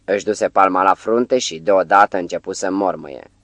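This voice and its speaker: A man narrating an audiobook in a measured, even storytelling manner. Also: sits low, dry recording. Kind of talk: scripted narration.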